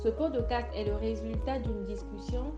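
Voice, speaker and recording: A young woman in her mid-twenties moderates a group podcast, speaking in a measured way with hesitant restarts. Her voice sits in an echoey room, and music plays clearly under it. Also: on the high side, fairly even intonation, highs cut off. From Congo. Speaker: discussion moderator.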